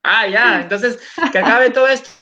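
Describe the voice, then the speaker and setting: A man's voice: very high voice, moderate pace, pushed and bright, lo-fi sound. A man hosting a casual online interview, explaining and demonstrating pronunciation drills aloud. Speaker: host and coach.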